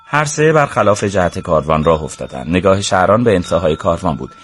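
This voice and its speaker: A man narrating a storybook in an even, measured way. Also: low voice, slight background noise.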